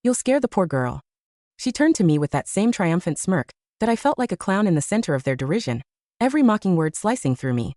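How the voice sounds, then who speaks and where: A woman narrating a first-person romance audiobook story in an expressive storytelling manner. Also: on the low side, fast, no room sound, clean studio sound.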